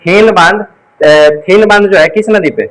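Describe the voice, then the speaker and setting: A man teaching an exam coaching class in a high voice. He quizzes his students over and over and repeats the answers in drills. He leans on memory tricks to make the facts stick. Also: normal speed, fairly bright tone, poor audio. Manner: call-and-response drilling with mnemonics.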